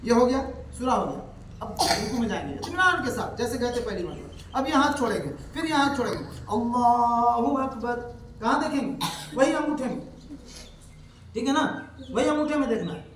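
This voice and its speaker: A man teaching step by step how to pray, repeating points, asking his student questions, and chanting the prayers slowly. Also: extremely high pitch, big pitch swings, a bit bright, a little hiss or hum. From India. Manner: slow melodic chanting of prayers. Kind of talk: step-by-step prayer lesson with recitation. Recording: echoey room, voice from far off.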